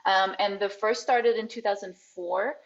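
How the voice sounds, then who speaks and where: A Swedish woman in her forties, a coach and healer, tells her personal story as a guest on a podcast, reflective and laughing often mid-sentence. Her mid-range voice keeps a fairly even intonation at an unhurried pace. The audio is dull and lo-fi.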